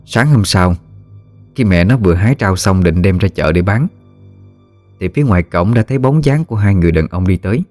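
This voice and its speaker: Low-voiced male horror storyteller. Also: lively intonation, fairly quick, a little mellow, dry recording, faint music behind.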